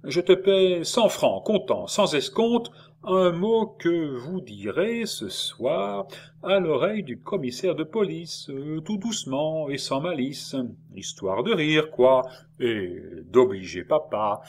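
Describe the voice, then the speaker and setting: A man voicing a boisterous, scheming middle-aged traveling salesman who talks loud, theatrical and jovial, in an audiobook reading. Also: fairly high pitch, expressive, slow pace, a little hiss or hum, pitched above the performer's own voice. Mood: boisterous, wheedling.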